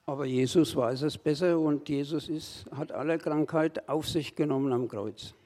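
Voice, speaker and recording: A man's voice: fairly high pitch, normal speed, warm tone. A man giving an earnest personal church testimony.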